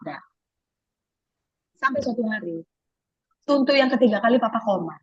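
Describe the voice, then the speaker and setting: A middle-aged woman giving a personal faith testimony as an interview guest, telling her story in an animated way and acting out the voices she quotes. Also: on the high side, moderate pace, slightly rough, no echo. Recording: dull lo-fi sound.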